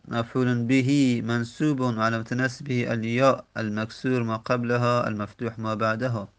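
Male grammar teacher, mid pitch, reads a rule then drags out example words, methodical. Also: smooth. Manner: recites Arabic text, then explains it slowly, dwelling on example words. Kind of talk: classroom lesson explanation.

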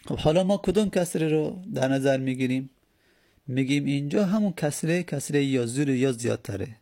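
A man's voice: medium pitch, expressive, dark tone. A man teaching a grammar lesson, patiently explaining step by step and answering his own questions.

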